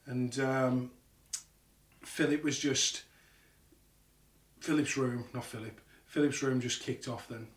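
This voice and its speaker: A man hosting a live ghost hunt at night, telling an animated, sweary story in casual talk. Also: mid-range voice, takes it slowly, long pauses, far from the mic. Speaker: paranormal show host. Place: old house at night. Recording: echoey room, off-mic.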